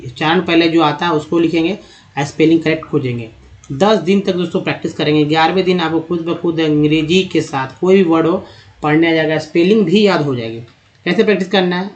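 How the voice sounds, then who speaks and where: A man giving a patient pronunciation lesson, spelling words out letter by letter and repeating them slowly. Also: a little high. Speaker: English teacher. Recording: dull lo-fi recording.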